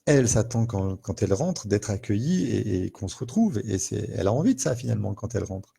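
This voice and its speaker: A man's voice: on the low side, very animated, fairly quick, gravelly, mellow, slightly rough. A man speaking as a therapist in a live talk, thinking aloud, repeating words and acting out everyday scenes to explain emotions.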